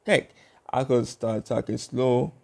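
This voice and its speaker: A young man talking to camera in a casual vlog, rambling with fillers and restarts as he tries to keep his speech slow. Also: medium pitch, creaky. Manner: working to speak slowly and deliberately. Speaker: YouTube vlogger.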